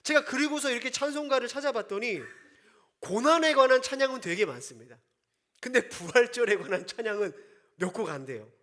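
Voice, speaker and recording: A man's voice: very high voice, expressive, a little fast, a bit bright. A male pastor preaching a sermon in church, emphatic and often putting rhetorical questions to the congregation.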